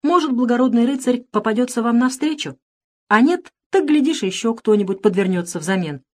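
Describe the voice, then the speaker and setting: A woman's voice: on the high side, lively intonation, brisk, pitched above the performer's own voice. A woman reading a storybook, voicing a bold, cheerful male outlaw leader who gives orders. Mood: commanding. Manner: commanding, jovial.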